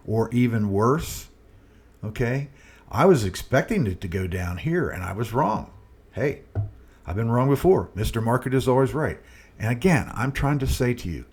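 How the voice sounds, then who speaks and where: Folksy, husky-voiced older man talking markets. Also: medium pitch, a little mellow. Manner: folksy, rambling, self-deprecating. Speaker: investment video host. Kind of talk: casual market commentary with storytelling.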